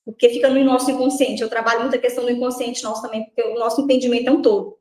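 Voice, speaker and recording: Fast-talking Brazilian trainer, echoey room. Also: female voice, a little high, level tone, warm tone. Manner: measured, list-like explanations, frequent "né". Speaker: corporate trainer guest. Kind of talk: interview answers.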